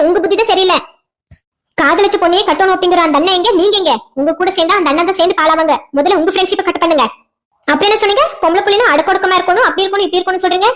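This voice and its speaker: A woman's voice: very high voice, a bit bright. A woman with a south Tamil accent voicing characters in a cartoon drama, delivering fiery, scolding retorts. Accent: south Tamil Nadu dialect. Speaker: voice actor for a cartoon series.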